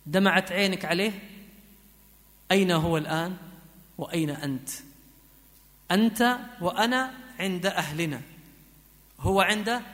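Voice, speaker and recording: A man preaching a sermon, chanting verses slowly and moving between soft pleading and emphatic exhortation. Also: sits high. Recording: long hall reverb.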